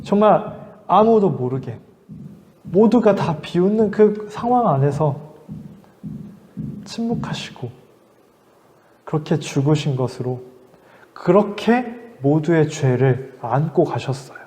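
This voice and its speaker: A man with a high voice tells a Bible story to children as a lively, vivid sermon. His voice carries a long reverb from a hall. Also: slow pace, pauses often. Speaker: children's ministry preacher.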